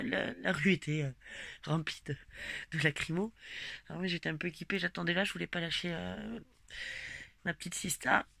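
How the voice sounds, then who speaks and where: A woman telling her listeners about a protest in a loose, rambling, animated way, swearing often and speaking to them directly. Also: mid-range voice, creaky, dry recording. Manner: animated, emphatic storytelling with frequent swearing. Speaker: gilet jaune protester recounting a march. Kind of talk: casual spoken personal account.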